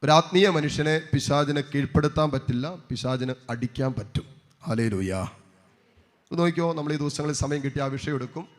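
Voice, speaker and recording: A man's voice: on the high side, normal speed, big-room sound. A man preaching a sermon as a priest, declaiming with rising emphasis, calling out hallelujahs and asking the congregation rhetorical questions.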